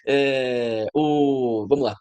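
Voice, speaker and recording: A man's voice: mid-range voice, drawn-out words, a little mellow, smooth. A man, a guest commentator, who hesitates at first and then explains in a lecturing way. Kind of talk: explanatory discussion.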